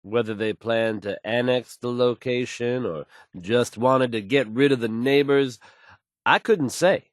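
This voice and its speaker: In video game voice acting, an actor plays a confident, easygoing radio newsman, suave and wry, reading scripted news smoothly with a polished, folksy style. His medium-pitched voice is natural and unhurried, and he sounds wry and assured. The recording is dry and studio quality.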